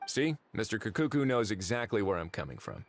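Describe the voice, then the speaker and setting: A composed low-voiced investigator. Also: male voice, sing-song, fairly quick, background noise. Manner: composed, authoritative. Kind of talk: video game voice acting.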